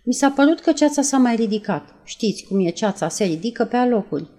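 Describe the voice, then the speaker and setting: A woman reading aloud and voicing a nervous young woman who retells events in a breathless, halting way. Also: fairly high pitch, expressive, warm tone. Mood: shaken. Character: nervous young woman, shaken after a shooting.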